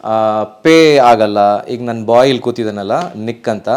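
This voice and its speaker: A man from Karnataka speaks as a guest DJ in a sit-down interview. His pitch sits at an ordinary middle level. He talks earnestly and stresses his points. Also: unhurried, darkish tone, clear, resonant tone. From Karnataka, India. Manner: earnest, emphatic, repeats pleas. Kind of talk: casual interview talk.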